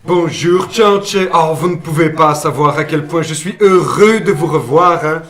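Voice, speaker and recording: A man with a fairly high, slightly bright voice plays a friendly male guardian angel with a Brussels accent, speaking at a measured pace in a kindly, homely way and often saying "une fois" and "hein". The mic is distant and the sound roomy.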